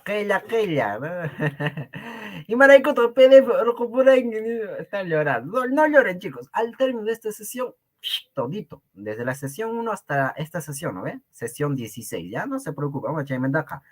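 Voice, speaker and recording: Lively, joking man teaching a class. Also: a little high, moderate pace. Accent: Peruvian Spanish. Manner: joking, laughs often, repeats phrases to students. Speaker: Quechua teacher. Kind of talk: online language class.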